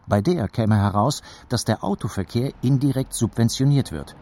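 A man's voice: mid-range voice, moderate pace, warm tone. A man reading scripted documentary narration as a radio feature reporter.

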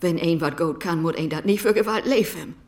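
A woman speaking with a Low German accent, acting a wistful role in a radio play and drifting into whispers. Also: a little fast, a little mellow.

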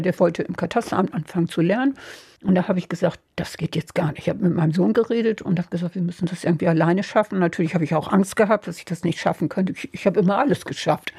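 A woman's voice: medium pitch, a little mellow, husky, no echo, clean studio sound. An older woman from in an interview, candidly recounting her marriage in a rambling way, often quoting what was said. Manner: candid, rambling, quotes herself and others. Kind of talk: personal life story interview.

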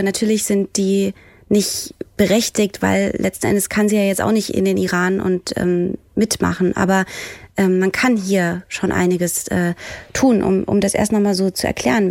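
A woman journalist speaking with heartfelt earnestness, pausing and searching for her words. Her voice is close and dry, with no room around it. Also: medium pitch, steady tone, creaky, darkish tone, no echo. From Germany. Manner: heartfelt, searching, many fillers. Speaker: journalist and presenter, guest. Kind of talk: earnest discussion.

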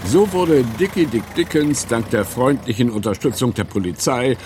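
A man narrating a radio play in a measured, formal way. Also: mid-range voice, lively intonation, background noise.

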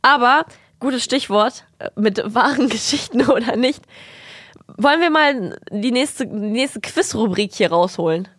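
Young female co-host, animated storyteller, slightly high voice, dry mic. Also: a little slow, no room sound. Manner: animated anecdote-telling with quoted voices and English words mixed in. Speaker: podcast co-host. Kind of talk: casual chat, storytelling.

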